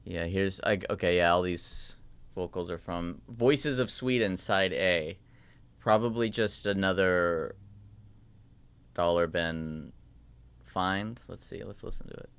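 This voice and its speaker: Speaking slowly in a low pitch, this man gives a casual screen-share tutorial on his own mix, rambling loosely as he thinks aloud. His voice sounds clean with no room sound, though loud music playback runs underneath.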